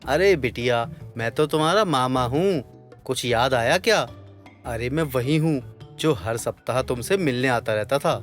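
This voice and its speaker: A man voicing a clumsy, nervous house thief who mutters to himself in an animated story. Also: mid-range voice, measured pace, soft background music, natural voice. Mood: sly.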